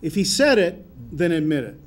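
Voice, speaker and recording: A man's voice: fairly high pitch, very animated, moderate pace. A man chatting jovially as a visiting guest on a TV show, joking and emphatic. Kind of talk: casual on-air chat.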